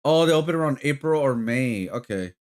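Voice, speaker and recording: A man's voice: mid-range voice, lively intonation, fairly quick, smooth. A man live-streaming in casual chat, rambling with lots of fillers and talking to his viewers as guys. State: hiccups.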